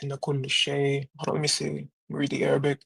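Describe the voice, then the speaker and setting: A man's voice: a little high, monotone, racing, gravelly, a bit bright, husky, no echo. A man chatting casually during a debate, saying bro and crazy. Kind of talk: casual chat.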